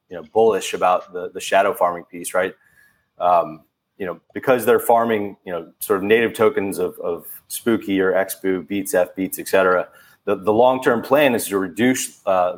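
Deep-voiced enthusiastic podcast man. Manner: enthusiastic, hedging with fillers. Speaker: crypto podcast co-host. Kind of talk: casual chat.

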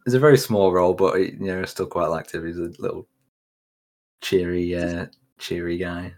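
A man's voice: deep voice, fairly even intonation, moderate pace, a little mellow. A man co-hosting a podcast in casual chat, rambling with lots of fillers. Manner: rambling, lots of likes and ums. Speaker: podcast co-host.

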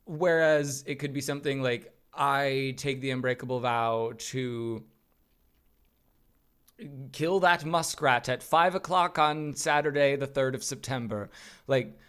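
A man in his thirties, co-hosting a podcast and chatting casually with an animated, storytelling manner. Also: medium pitch, measured pace, clean tone. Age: 30s. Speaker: podcast co-host. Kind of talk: casual chat.

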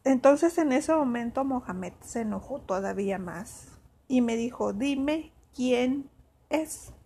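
Casting: young woman, slightly high voice, emotional confessional storytelling. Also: measured pace, vocal fry, mellow, husky. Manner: emotional retelling, acts out quoted dialogue. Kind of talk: personal storytelling.

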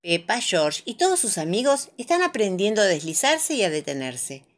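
A woman narrating children's stories aloud in an expressive, animated reading. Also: mid-range voice, moderate pace. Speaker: storyteller.

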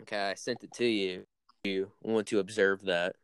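A man's voice: deep voice, steady tone, normal speed, a bit bright, clean tone, no room sound. A man co-hosting a casual podcast, telling spooky stories in a playful, rambling way.

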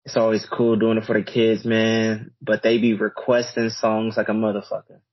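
Guy rambling easy on the pod, husky voice, muffled echoey call sound. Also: fairly low pitch, normal speed. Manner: relaxed, rambling storytelling. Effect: internet call audio with echo. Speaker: podcast co-host and DJ. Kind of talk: casual chat. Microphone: internet video call.

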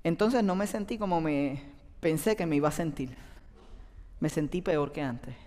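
A man's voice: on the high side, normal speed. A man, a youth pastor giving an earnest, confessional sermon testimony. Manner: earnest confessional storytelling, animated rises. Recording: long reverb in a large hall.

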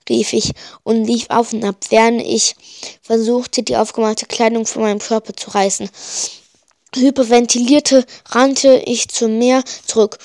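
A woman's voice: fairly high pitch, no echo, clean studio sound. Young-sounding woman reading a first-person story. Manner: reads with frequent slips and restarts, rising to panicked shouts in dialogue. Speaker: audiobook reader.

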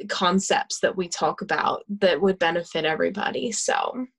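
A woman's voice: lowish voice, steady tone, normal speed, slightly rough, rough recording. A woman in casual conversation about oracle cards and spirituality, chatty, with many fillers and frequent laughs. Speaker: guest.

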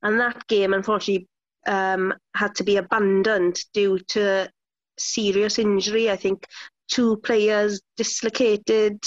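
A woman's voice: mid-range voice, level tone, unhurried, no room sound. Woman calling out scores. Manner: lists scores in a sing-song caller rhythm. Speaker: podcast co-host reading results. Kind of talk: casual chat. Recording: dry, slightly muffled podcast audio.

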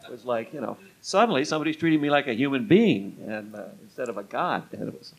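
A man's voice: mid-range voice, expressive, quick pace. Older man telling rambling anecdotes. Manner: rambling, conversational, voices quoted speech in stories. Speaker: interview guest, retired music club booker. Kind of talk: anecdotal storytelling in an interview.

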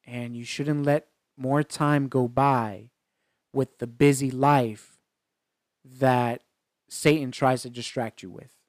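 A man co-hosting a casual faith podcast, talking earnestly in halting phrases with frequent restarts. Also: medium pitch, steady tone, a little mellow, no room sound, clean studio sound. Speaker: podcast co-host.

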